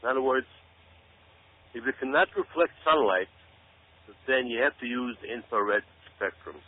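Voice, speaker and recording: Over tinny, phone-quality radio audio, a slightly rough mid-range male voice speaks with lively intonation at a moderate pace. The speaker is an Israeli author and researcher guesting on talk radio. He explains things emphatically and often repeats phrases to stress them.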